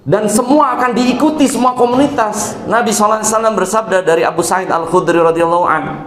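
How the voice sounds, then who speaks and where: A man with a Sundanese accent preaching a lively sermon, telling a story and often turning to address his listeners directly. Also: fast, reverberant, crowd noise. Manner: animated, swings pitch for quoted characters, addresses audience as Pak and jemaah.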